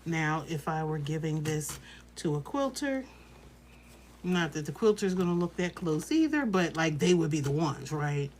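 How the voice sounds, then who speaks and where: A woman talks through her quilting steps in a relaxed, chatty live tutorial. Her voice sits a little low, and she keeps reassuring viewers as she works. A faint hiss of background noise runs under the recording. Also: moderate pace. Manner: chatty, reassuring, thinks aloud while working. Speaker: quilting instructor.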